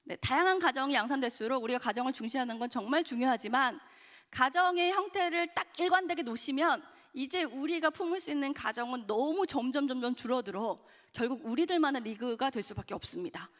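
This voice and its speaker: A woman's voice: high-pitched, expressive, fairly quick, a bit bright. A woman, an author, telling a story to an audience in an earnest way and speaking to them directly. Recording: hall with long reverb.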